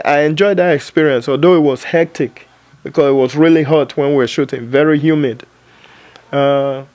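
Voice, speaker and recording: A vlogger and filmmaker in his thirties talks casually to camera from his home editing studio, thinking aloud with plenty of fillers. His voice is a little high with a darkish tone.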